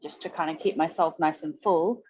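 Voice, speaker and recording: Low-pitched woman on dry, muffled audio. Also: fairly even intonation, normal speed, darkish tone, slightly rough, no room sound. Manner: informal, hedging with lots of "like" and "kind of". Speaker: program participant. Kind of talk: casual check-in chat.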